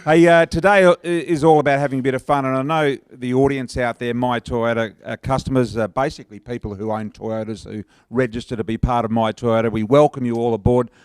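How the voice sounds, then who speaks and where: A man's voice: medium pitch, steady tone, clear, resonant tone, no room sound, studio quality. A middle-aged Australian man hosting a casual sports panel, chatty and teasing. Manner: chatty, teasing, quick to laugh. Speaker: host.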